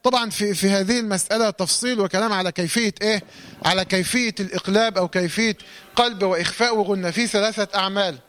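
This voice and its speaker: High-voiced Egyptian man teaching recitation. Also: fairly bright tone. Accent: Egyptian Arabic. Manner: asks questions and answers them himself, drawn-out recited examples. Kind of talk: tajweed lesson.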